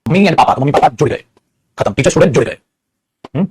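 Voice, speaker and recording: Male English teacher with a Bhojpuri-tinged Hindi accent, a husky voice and a quick classroom delivery that mixes Hindi and English. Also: a little high, animated, darkish tone, dry recording. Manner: rapid, addresses students as beta, mixes Hindi and English. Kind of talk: classroom grammar lesson.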